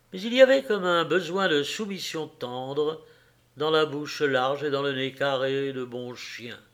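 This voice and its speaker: Slow, gravelly male audiobook reader. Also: on the high side. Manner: slow, measured reading. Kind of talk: scripted audiobook narration.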